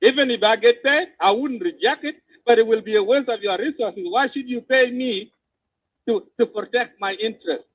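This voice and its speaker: A South Sudanese man giving impassioned political commentary, forceful and repetitive, often stumbling over his words. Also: very high voice, normal speed, dry recording. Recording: tinny phone line, dry.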